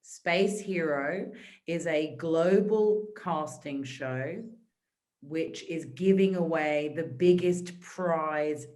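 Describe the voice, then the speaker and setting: Woman reading an intro, slow and measured, lowish voice. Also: darkish tone. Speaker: intro narrator. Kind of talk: scripted narration.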